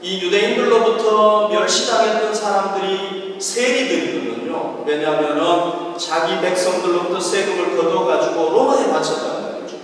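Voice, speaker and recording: A man's voice: sits high, normal speed, hardly any pauses. A man preaching a sermon as pastor, telling the story with emphatic acted-out quotes. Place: large church hall. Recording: echoey hall from far off, faint noise.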